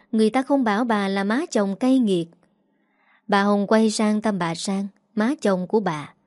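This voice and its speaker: A woman narrating a family story in a steady, even way. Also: medium pitch, no room sound, clean studio sound.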